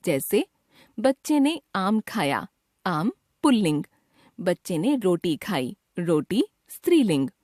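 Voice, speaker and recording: Slow, lively woman teaching grammar. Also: on the low side, no room sound, clean studio sound. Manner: slow, careful enunciation with an expressive teacherly lilt. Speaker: Hindi grammar narrator. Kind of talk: scripted textbook lesson narration.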